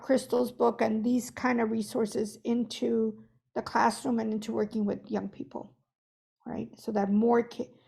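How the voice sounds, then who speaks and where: A woman's voice: a little high, creaky, darkish tone, husky. A woman who is losing her voice, guiding an online workshop in a chatty, self-correcting way over a video call. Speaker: workshop facilitator.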